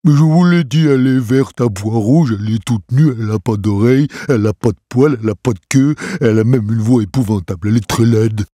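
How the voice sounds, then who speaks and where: A man voicing a gentle, naive male donkey who talks slowly and earnestly in a storybook reading. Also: medium pitch, no echo, close to an everyday voice. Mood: anxious. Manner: slow, soft, earnest, turns frantic. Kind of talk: storybook character voice. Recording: close dry voice with soft music.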